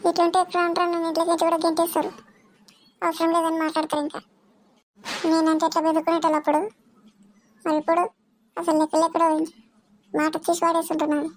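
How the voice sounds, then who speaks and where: A woman voicing an elderly, sulky mother-in-law with a Telangana accent in a cartoon comedy, grumbling and later scolding in a slow, menacing fake-possessed voice. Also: very high voice, monotone, a little hiss or hum. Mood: self-pitying. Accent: Telangana Telugu.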